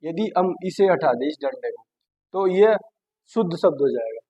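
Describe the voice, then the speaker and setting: A man's voice: fairly high pitch, animated, normal speed, warm tone, breathy edge, dry recording. A male teacher giving a grammar lesson, who keeps asking "what?" and then answers himself by repeating the word. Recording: dull dry lo-fi sound.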